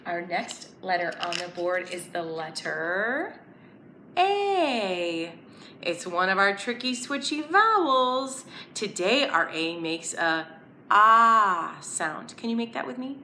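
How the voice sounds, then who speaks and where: A woman hosts a children's story time, animated and clearly enunciating as she invites young kids to join in with letters, songs and counting rhymes. Her voice is mid-range and she takes it slowly. The room echoes, with faint background noise.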